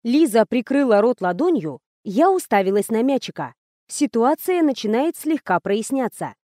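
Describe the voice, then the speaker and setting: A woman's voice: on the high side, sing-song, normal speed, mellow, no room sound, clean studio sound. A woman narrating a first-person ironic story as an audiobook reader.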